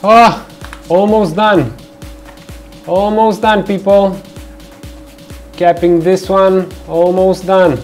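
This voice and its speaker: Young Romanian-accented male streamer, unhurried chatty delivery, headset mic, light music bed. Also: high voice. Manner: chatty, reads out and answers viewer chat, relaxed unhurried, filler-heavy. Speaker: livestream host. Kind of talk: casual live-stream chat while 3D modeling.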